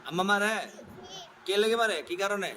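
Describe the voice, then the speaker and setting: An adult gently questions, teases and soothes a crying child in casual chat. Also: mid-range voice, steady tone, brisk, a crowd in the background.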